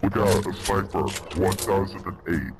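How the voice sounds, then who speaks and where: A man using a voice changer that makes him sound like a deep-voiced masked dark lord while playing as a gaming teammate. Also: fairly even intonation, normal speed, a crowd in the background. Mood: deadpan. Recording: noisy game chat audio.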